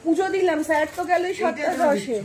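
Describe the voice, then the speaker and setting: A young woman vlogs in speech, her voice high and bright. She talks to her viewers casually and keeps asking them questions. The phone recording picks up plenty of background noise. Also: fairly even intonation, brisk. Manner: chatty, addresses viewers directly with questions. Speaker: vlogger. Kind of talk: casual vlog narration.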